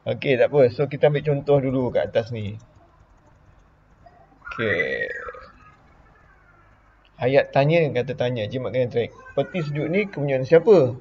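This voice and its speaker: A man's voice: mid-range voice, expressive, normal speed, long pauses, lo-fi sound, slight background noise. A man with a Malaysian Malay accent, a primary school teacher giving an online lesson in a chatty way, explaining with repeated example questions.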